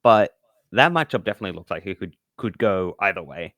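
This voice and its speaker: Male co-caster, low voice, hesitant hedging delivery, dry sound. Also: animated, a little fast, fairly bright tone, no echo. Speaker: esports co-caster. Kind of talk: casual desk analysis.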